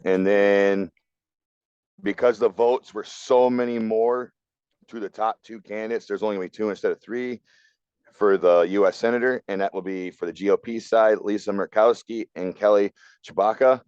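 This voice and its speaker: A podcast co-host with a lowish, smooth, slightly mellow male voice offers blunt, opinionated takes in casual conversation. His intonation stays fairly even at a normal speed. The modest lo-fi setup gives a dry, somewhat dull sound.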